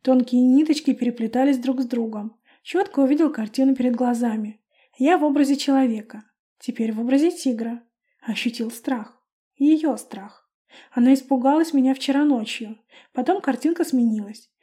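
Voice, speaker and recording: A woman calmly narrating a first-person audiobook. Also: high voice, moderate pace, slightly rough.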